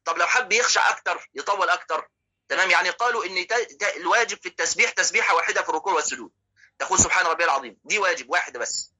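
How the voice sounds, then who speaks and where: A man with an Egyptian Arabic accent gives a religious lesson explaining hadith, breaking down each point, posing rhetorical questions, and checking in with his listeners. His tense, bright voice has a husky edge and sits slightly above typical male pitch. He speaks in a rapid-fire, racing rush, and the audio quality is poor.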